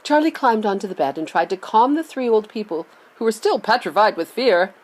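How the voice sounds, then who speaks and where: A woman reading a children's novel aloud, expressive and lively. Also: mid-range voice, brisk. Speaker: reader.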